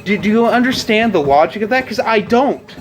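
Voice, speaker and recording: High-voiced man ranting casually. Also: lively intonation, brisk, soft background music. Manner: frustrated, profane venting. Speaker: vlogger. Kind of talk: casual rant vlog.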